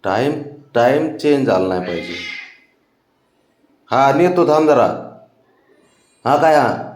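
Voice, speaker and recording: Man, mid pitch, sweet-talking a pet in a slow unhurried way, roomy echo at home. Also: animated, darkish tone. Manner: coaxing, teasing baby talk to a pet. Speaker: pet owner vlogger. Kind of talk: casual talk to a pet cat.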